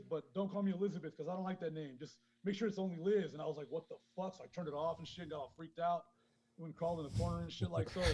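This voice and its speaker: A man who grew up in Queens, high and chatting casually as a podcast guest, rambling, swearing a lot and laughing often. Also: a little mellow. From born in Honduras, grew up in Queens, New York. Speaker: guest caller, clothing brand founder. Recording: dull lo-fi phone call.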